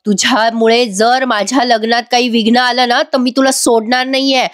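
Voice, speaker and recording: A woman's voice: fairly high pitch, level tone, moderate pace, natural voice. A woman voicing an angry, spoiled young bride who scolds and demands.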